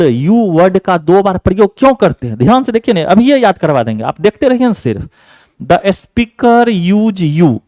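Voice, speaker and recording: A male teacher running an exam-prep class, repeating each answer slowly and checking again and again that students have it memorized. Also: on the high side, dark tone, no room sound, studio quality. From Bihar, India.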